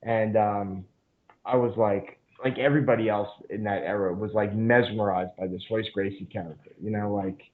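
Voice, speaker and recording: Fairly low in pitch, his tone steady and his pace moderate, a jiu-jitsu instructor rambles through long stories on a podcast. The casual interview is packed with fillers and cursing, and the recording sounds narrow, like a phone call.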